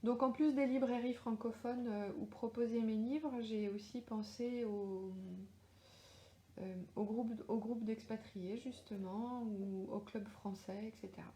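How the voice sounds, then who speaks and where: A woman's voice: on the high side, fairly even intonation, measured pace, dark tone. A woman author chatting casually on a live stream, answering viewers' comments as she thinks aloud. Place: at home in Australia. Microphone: livestream webcam or phone. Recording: roomy echo.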